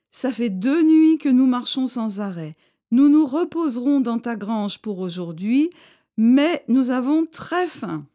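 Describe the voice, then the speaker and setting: A woman's voice: a little high, mellow, voice pushed up. A woman voicing an armed rebel leader, a man who is stern yet friendly and speaks firmly in a raised voice. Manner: firm, commanding, raised voice.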